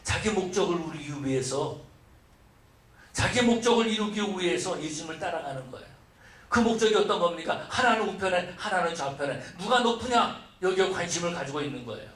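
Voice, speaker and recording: A man's voice: high voice, lively intonation, a little fast, fairly bright tone. A man preaching a sermon as pastor, asking his listeners rhetorical questions and acting out their complaints. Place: church sanctuary. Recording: echoey church mic from a distance.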